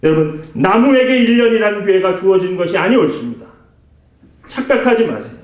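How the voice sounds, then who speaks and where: A man's voice: high voice, big pitch swings, fairly quick. A male pastor preaching a sermon with rhetorical questions and acted-out quotes. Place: church sanctuary. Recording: echoey church hall.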